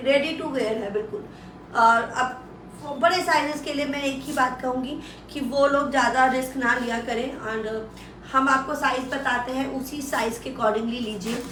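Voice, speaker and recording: An Indian woman presenting a casual, unscripted live shopping pitch, mixing Hindi with English phrases and repeating details to push buyers. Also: unhurried, bright, forceful tone. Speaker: live shopping presenter selling women's clothing. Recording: roomy echo, distant mic, faint noise.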